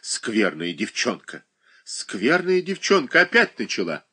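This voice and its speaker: A man voicing a capricious, childish young married woman who whines and pouts in a high, drawn-out voice. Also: huge pitch swings, bright, forceful tone, husky, full character voice. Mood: petulant scolding.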